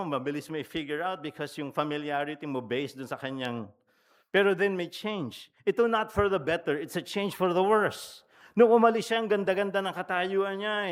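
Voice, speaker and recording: A male pastor preaching a sermon in a conversational, storytelling way, asking the congregation questions and switching between Tagalog and English mid-sentence. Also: a little high.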